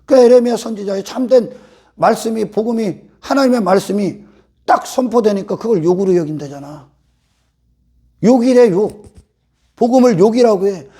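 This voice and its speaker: Fiery high-voiced Korean pastor preaching. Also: male voice, normal speed, long pauses, husky. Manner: fiery, rises to shouts, mimics complaining voices. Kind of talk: sermon. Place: church sanctuary.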